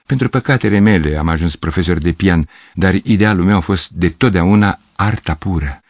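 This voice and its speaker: A man's voice: low voice, no room sound. A man reading an audiobook, voicing a fussy, apologetic middle-aged piano teacher who dreams of pure art.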